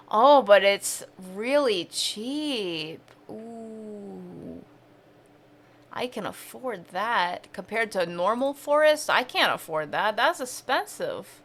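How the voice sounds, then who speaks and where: Bright-voiced woman streamer thinking aloud. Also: mid-range voice. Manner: thinking aloud, chatty and self-questioning. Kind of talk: casual gameplay commentary.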